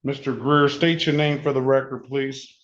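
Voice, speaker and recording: Here a male judge reads out case calls during court proceedings, his mid-range voice flat and at normal speed as he states procedural instructions matter-of-factly and repeats the important points. The recording is dull, lo-fi courtroom audio carrying faint hiss.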